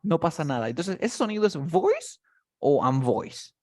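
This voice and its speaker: His voice sits on the high side with a sing-song lilt as he tutors one student in English over a video call. Speaking Spanish, he explains patiently, models sounds slowly, and often confirms his student is following.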